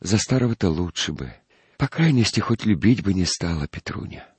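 A man reading a storybook aloud, voicing a gentle, frightened young peasant girl with a soft, tearful voice. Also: low voice, animated, moderate pace, husky, dry recording, voice pushed up, exaggerated voice. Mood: anxious pleading.

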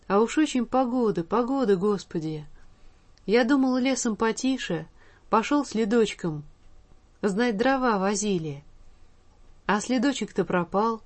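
A woman's voice: medium pitch, a little mellow, lightly acted. A woman voicing a weak, frightened orphan boy of about ten in a read-aloud story, speaking plaintively and drawing out his words. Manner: weak, plaintive, drawn-out speech.

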